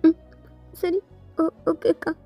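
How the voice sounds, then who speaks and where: A woman's voice: high-pitched, a little fast, dark tone, faint music behind, close to an everyday voice. A woman voicing a tearful, anxious young woman who stammers and pleads, in a storybook fan fiction reading. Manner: stammering, close to tears.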